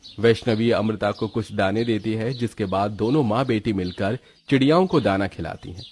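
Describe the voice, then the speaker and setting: A man narrating a story in a steady, scripted storytelling manner with a husky voice. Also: lowish voice, normal speed, slight background noise.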